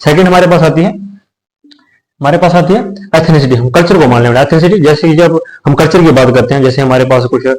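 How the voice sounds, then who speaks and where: A man from India teaches a social studies lesson in a casual, explanatory lecture, often repeating phrases and checking in with his students conversationally. His voice is a little high and a little mellow, he talks fast, and the audio is poor.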